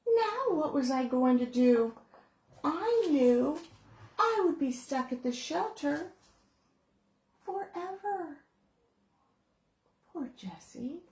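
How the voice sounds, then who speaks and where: A woman who is a children's book author, reading her picture book aloud in a playful, expressive way. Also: high-pitched, slow pace, long pauses. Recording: roomy echo.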